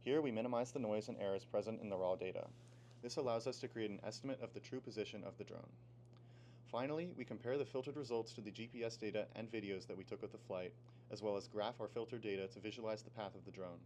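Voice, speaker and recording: A teenage boy from Pennsylvania reading a scripted project presentation in a steady, explaining way. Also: lowish voice, quick pace, slight background noise. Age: teens. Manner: steady, read-aloud explaining. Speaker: student presenter.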